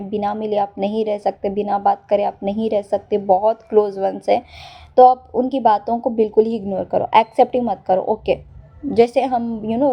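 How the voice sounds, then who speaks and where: A woman's voice: mid-range voice, creaky, mellow. A young woman vlogger giving casual, encouraging advice on manifesting exam success, slipping English phrases into her talk.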